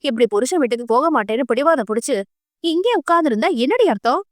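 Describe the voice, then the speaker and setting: Narrator doing a nagging middle-aged mom, fast scolding, higher voice. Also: female voice, animated, no room sound, clean studio sound. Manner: scolding, exasperated.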